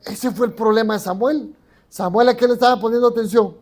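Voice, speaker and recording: Conversational Mexican pastor preaching. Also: male voice, very high voice, fairly even intonation, brisk, a little mellow. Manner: conversational, asks the congregation questions. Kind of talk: sermon. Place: church.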